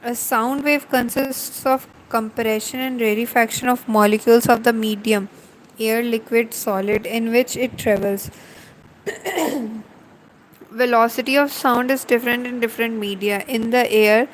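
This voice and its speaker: A woman with an Indian accent giving a slow, deliberate lecture, explaining terms one by one in a mix of Hindi and English. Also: a little high, steady tone, slight background noise, low-quality recording.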